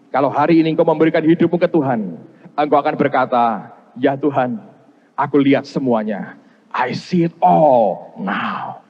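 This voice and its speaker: A man from Indonesia preaching a sermon as a pastor, telling personal stories and slowing down, dropping low for quoted prayers. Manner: storytelling preacher, slows and drops low for quoted prayers and God's words. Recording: dull sound with long hall reverb.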